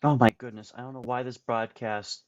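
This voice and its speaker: A man's voice: medium pitch, level tone, brisk. A man co-hosting a live online auction in casual, brief remarks, his voice hollow and tunnel-like from a glitchy broadcast feed. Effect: hollow, tunnel-like sound from a glitchy broadcast feed. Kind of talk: casual live-stream chat. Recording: dull, muffled stream audio.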